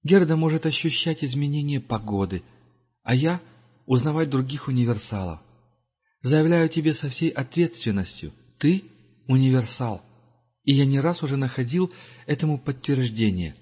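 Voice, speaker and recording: A man voicing a gentle, patient older man who speaks softly and persuasively. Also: medium pitch, expressive, normal speed, breathy edge, pitched above the performer's own voice. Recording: dull lo-fi recording.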